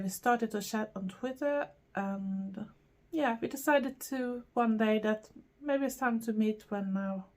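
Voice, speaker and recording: Answering questions from her viewers, a middle-aged woman from Sweden talks to the camera for her channel in a loose, chatty manner, often pausing. Her Swedish-accented voice is medium-pitched and a little mellow.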